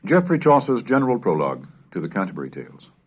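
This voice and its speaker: A male lecturer with a husky, lowish voice reads scripted lectures on the history of the English language, and his pitch swings widely. His delivery is measured and scholarly, turning declamatory when he recites Middle English verse.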